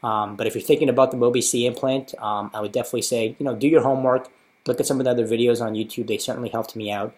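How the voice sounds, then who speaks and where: American guy in his 30s doing a casual video diary, matter of fact, average pitch. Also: steady tone, racing, a little mellow. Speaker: patient sharing his surgery experience.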